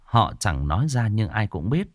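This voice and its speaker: A man's voice: fairly low pitch, very animated, moderate pace, dry recording, studio quality. A man narrating a ghost story with dramatic, varied storytelling delivery.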